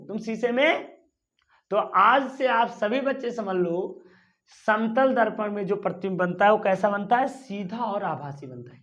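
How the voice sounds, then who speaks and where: High-pitched guy teaching physics, keeps quizzing the kids, kinda dull lo-fi sound. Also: a bit bright. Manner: coaxing, asks students questions and answers them himself. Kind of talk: classroom lecture at a board. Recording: dull lo-fi recording.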